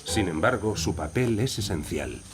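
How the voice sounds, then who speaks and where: Reading scripted nature-documentary narration at a moderate pace, this man has a low-sitting, sing-song voice. The recording carries a rainforest backdrop full of insect and cricket noise.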